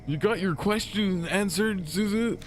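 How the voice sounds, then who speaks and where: A man voicing an excitable, round young male idol fan with a strained, geeky voice in a visual novel game read-through. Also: unhurried, a little hiss or hum. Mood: eager, chatty. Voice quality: strained, high-pitched geeky voice.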